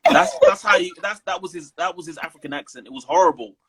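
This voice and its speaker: A man being interviewed as a guest preacher, talking in a playful, animated way and laughing easily. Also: fairly high pitch, fast talker, crowd noise. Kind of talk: casual interview.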